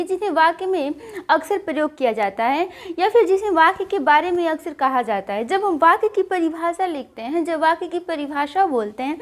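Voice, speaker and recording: A woman teaching a grammar lesson in explanatory classroom style, restating each point and slowing to spell out example sentences word by word. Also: extremely high pitch.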